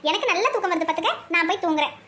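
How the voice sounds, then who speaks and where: A woman voicing a gruff, impatient working husband in a cartoon, with a Kanyakumari Tamil accent, barking orders. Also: extremely high pitch, rapid-fire, sharp tone.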